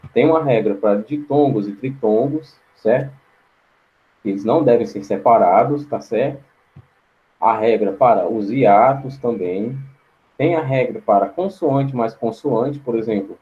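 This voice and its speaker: A man's voice: mid-range voice, unhurried. Man teaching a class, dull audio. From Brazil. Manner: explanatory, repeats words to show pronunciation; frequent checking tags. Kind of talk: online class lecture.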